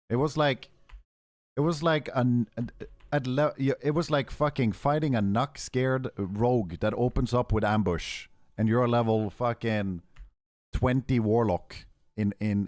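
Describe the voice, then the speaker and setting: A relaxed Norwegian-accented man rambles to his stream audience, swearing freely and dropping gamer slang. His voice sits at an ordinary middle pitch. The sound is dry and close, with no room behind it. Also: a little slow, no room sound. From Norway. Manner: laid-back, profane, full of gamer slang. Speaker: game streamer. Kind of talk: casual stream chat.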